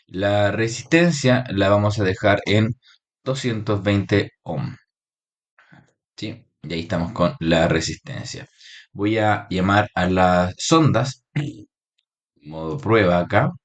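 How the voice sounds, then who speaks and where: Low-voiced man explaining a software tutorial. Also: slow. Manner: explains step by step, checks in with frequent "¿sí?" and "¿bien?". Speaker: electronics teacher. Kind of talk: screen-recorded software tutorial.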